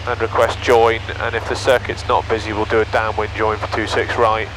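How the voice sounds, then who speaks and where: A man's voice: on the low side, level tone, a little fast. A British man piloting a small plane, talking matter-of-factly and procedurally over a cockpit headset, as pilot over the radio. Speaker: private pilot. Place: cockpit of small light aircraft. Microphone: aviation headset intercom. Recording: noisy cockpit intercom audio.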